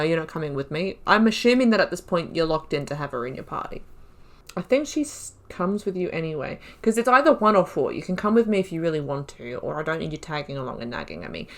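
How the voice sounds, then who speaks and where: A woman with a lowish, sing-song, slightly bright voice talks quickly while hosting a let's play. She chats casually, swears, and reads the game's dialogue choices out loud.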